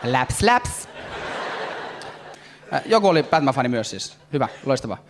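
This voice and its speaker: A man performing a stand-up comedy routine on stage, talking in animated, excitable bursts. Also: mid-range voice, background noise. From Finland. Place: comedy stage before a live audience.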